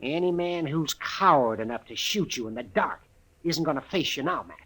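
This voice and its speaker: An actor playing a crusty, fierce older frontier doctor, blunt and husky, in an old radio western. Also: male voice, on the high side, expressive, moderate pace, sharp tone, exaggerated voice. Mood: urgent. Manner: blunt, insistent. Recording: vintage 1950s radio recording.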